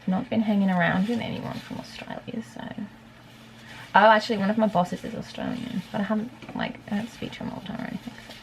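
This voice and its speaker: A young woman chatting away to her camera at home, rambling and full of fillers. Her voice carries a gravelly fry, with a faint hiss behind it. She keeps talking to herself as she works. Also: medium pitch, fast talker. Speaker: beauty vlogger. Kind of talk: casual chatty vlog.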